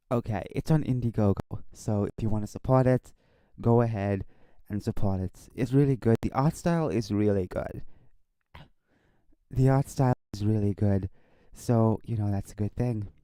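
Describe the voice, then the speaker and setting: A man giving casual off-the-cuff video commentary in a halting, repetitive way, stumbling over his words. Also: on the low side, warm tone, smooth, dry recording. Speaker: online commentary video host.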